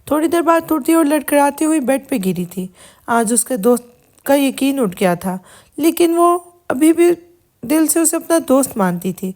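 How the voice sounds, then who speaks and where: High-voiced woman narrating a story. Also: expressive, darkish tone. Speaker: audio novel narrator. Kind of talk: scripted narration.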